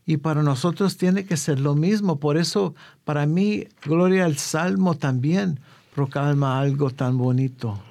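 A man's voice: fairly high pitch, measured pace, creaky, darkish tone. A man preaching a sermon, fervent and full of rhetorical questions.

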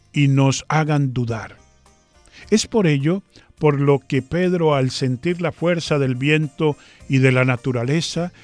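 A male radio preacher giving a formal, steady, prayerful reflection to listeners. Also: mid-range voice, no room sound. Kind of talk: sermon-style reflection on radio.

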